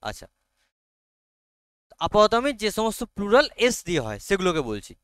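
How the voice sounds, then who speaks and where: Man, Bengali accent, teacher, classroom lesson, checks in with students, high voice, dry sound. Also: big pitch swings, moderate pace, a bit bright, clear, resonant tone, dry recording. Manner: frequent check-ins with students.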